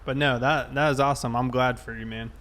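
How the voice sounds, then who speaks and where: Live streaming a game, a man chats and comments casually in an easygoing way, his medium-pitched voice steady, fairly quick, and a bit bright. Game vehicle noise and ambience are clearly audible in the background.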